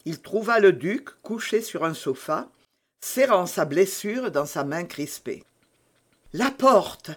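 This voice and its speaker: Male audiobook narrator, high voice, unhurried, measured. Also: expressive. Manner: measured, deliberate storytelling. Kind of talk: audiobook narration of a classic novel.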